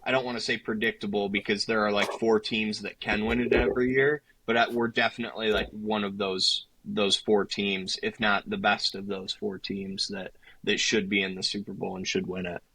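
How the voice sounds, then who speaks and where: A young man co-hosting a sports podcast, making confident points in a casual, somewhat halting way. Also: lowish voice, level tone, pushed and bright, slightly rough, no echo, rough recording. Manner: confident, a bit halting with fillers. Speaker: podcast co-host.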